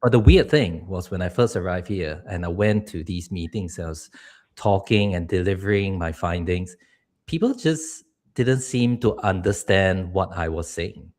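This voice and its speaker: A middle-aged Singaporean public speaking coach gives earnest advice on a live stream, laughing now and then. His voice is low and darkish, at a moderate pace.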